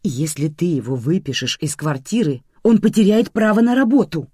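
A reader voicing an indignant, self-absorbed middle-aged mother who exclaims loudly in a dry, close recording. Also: on the low side, sing-song, moderate pace, breathy edge, dry recording. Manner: loud, exclaiming.

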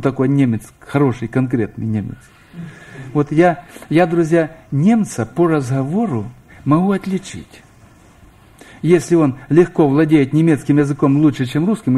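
In a dark-toned, medium-pitched voice, a middle-aged man preaches a sermon, addressing the congregation head-on with questions and rising emphasis.

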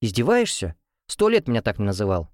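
A man's voice: on the low side, wildly swooping pitch, fairly quick, darkish tone, dry recording, studio quality. A man voicing a playful young woman who teases her boyfriend. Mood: teasing. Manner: playful, teasing. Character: teasing lively young woman, his girlfriend.

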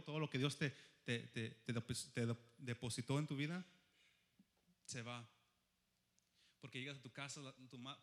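A young man preaching a sermon, moving between soft pleading and loud, fervent calls. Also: medium pitch, big-room sound.

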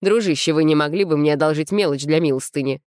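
A woman's voice: low-pitched, quick pace, a little mellow, dry recording, clean studio sound, close to an everyday voice. A woman voicing a wry young man, the story's hero, in a casual tone.

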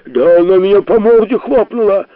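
A man gives voice to a crude, insolent young lout who squeals his complaints. The voice sits high and shrill. It comes over a narrow, dry, radio-like line. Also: flat delivery, slow pace, no room sound. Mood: indignant. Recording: narrow tinny radio-like sound.

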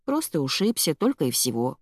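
A woman's voice: deep voice, very animated, fairly quick, darkish tone, no echo, studio quality. A woman reading an audiobook, voicing a young boy who talks in a sheepish mumble.

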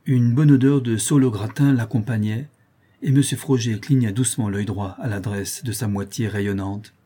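Male narrator, measured reading, dark and husky tone. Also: lowish voice, fairly even intonation. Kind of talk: audiobook reading of a classic novel.

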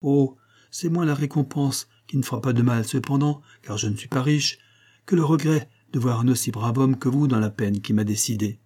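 In this audiobook, an old woman leans in to share a secret, her voice dark and husky, as a male reader gives her lines. She talks eagerly and confidingly, a poor townswoman with a story to tell. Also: medium pitch, normal speed, close to an everyday voice.

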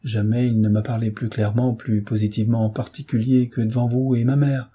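A heartbroken young woman, distraught and pleading, her anguished words tumbling out in a mellow, husky tone, as a man reads her lines. An audiobook heroine undone by grief. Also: mid-range voice, flat delivery, brisk, natural voice. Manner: anguished, impassioned outbursts.

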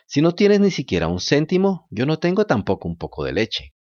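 A man's voice: a little high, huge pitch swings, a little fast, a little mellow, no echo, dull audio, pitched above the performer's own voice. A man voicing a stern farmer who bargains bluntly, in a storybook reading. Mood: bargaining. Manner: blunt and businesslike.

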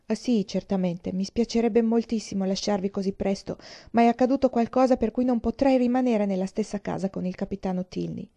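A woman's voice: mid-range voice, a little fast, creaky, few pauses, dark tone, natural voice. A woman reading an audiobook voices a distressed, earnest young woman who speaks in a pleading, agitated way.

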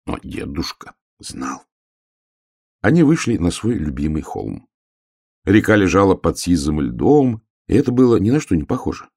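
A man reading a children's story aloud in an unhurried, softly expressive way. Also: low voice, breathy edge. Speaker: narrator. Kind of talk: scripted storybook narration.

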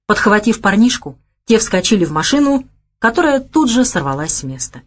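A woman's voice: mid-range voice, very animated, a little fast. Woman narrating an audiobook thriller. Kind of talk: scripted narration.

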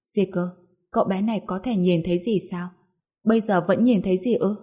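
A woman's voice: medium pitch, fairly even intonation, brisk, mellow, breathy edge, natural voice. A woman voicing a curious, easily offended female ghost in an audio story, asking puzzled questions.

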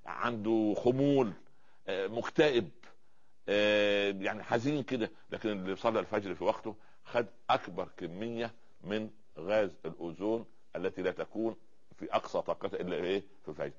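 Egyptian male preacher, rapid lecture delivery, rhetorical questions, muffled lo-fi sound. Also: on the low side. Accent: Egyptian Arabic. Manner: rhetorical questions, fills gaps with drawn-out pauses. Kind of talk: religious lecture.

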